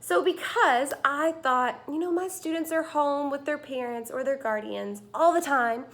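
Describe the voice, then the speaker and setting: Stretching out her phrases for effect, a teacher with a high-pitched voice shares a picture book with a group of children. Her storytelling is lively and full of emphasis.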